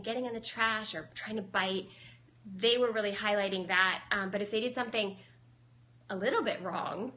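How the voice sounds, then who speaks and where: Speaking in a bright, forward, mid-range voice, a young woman dog trainer answers live viewers and walks through her training methods step by step. She's loose and chatty, with lots of ums.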